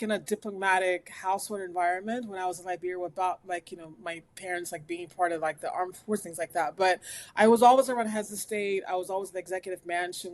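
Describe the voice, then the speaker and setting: Woman, 40s, interview guest, animated rambling storyteller. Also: lowish voice. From United States, West African family. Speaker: guest, lawyer and speaker. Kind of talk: conversational interview. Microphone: remote recording.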